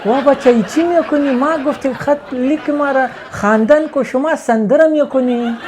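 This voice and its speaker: A man with a Pashto-accented Dari voice, playing a proud, easily offended Pashtun man who speaks in broken grammar in a comedy sketch. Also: extremely high pitch. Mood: indignant. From Afghanistan. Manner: pleading, insistent, easily offended. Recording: noisy home recording.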